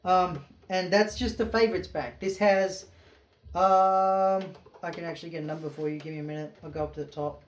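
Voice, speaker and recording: A man's voice: high voice, steady tone, fairly quick, distant mic. A man casually reviewing keytars in his small home studio, rambling and enthusiastic, with many fillers. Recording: roomy studio with keyboard music behind.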